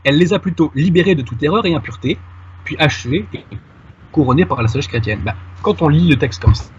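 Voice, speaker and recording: Talking fast and expressively in a high-leaning voice, this guest commentator lays out a detailed argument while addressing the host familiarly on a radio-style program. The lo-fi audio carries a little hiss or hum.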